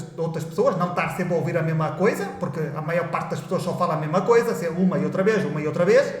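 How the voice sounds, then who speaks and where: This man, a spiritual video host with a European Portuguese accent, speaks at a somewhat high pitch with a roomy sound. His informal spiritual monologue is rambling and repetitive, full of restarted sentences and mockery of people's excuses.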